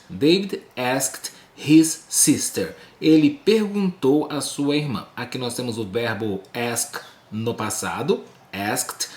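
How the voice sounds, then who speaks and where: A man with a Brazilian Portuguese accent teaching an English lesson, slowly repeating and translating each phrase. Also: mid-range voice, echoey room. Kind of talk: recorded online language lesson.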